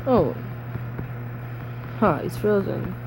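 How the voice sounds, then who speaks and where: A woman giving casual gameplay commentary, excitable and rambling, jumping into high squeals and dropping to mutters. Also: extremely slow, noisy background. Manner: rambling, trails off mid-sentence. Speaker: gaming channel host.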